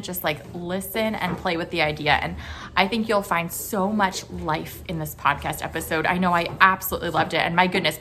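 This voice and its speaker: A woman's voice: mid-range voice, bright, forceful tone, a little hiss or hum. A woman hosting a podcast, introducing her guest in an effusive, gushing way with many "just" and "like" fillers, then asking him questions. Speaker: podcast host. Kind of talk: enthusiastic podcast introduction and interviewing.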